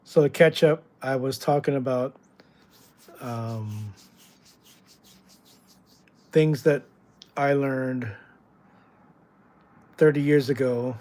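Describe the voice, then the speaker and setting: A man's voice: mid-range voice, very slow, long pauses, darkish tone. A man hosting a casual home livestream, chatting with viewers in a rambling, joking, easily distracted way and often correcting himself. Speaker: livestream host. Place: home room with houseplants, indoors.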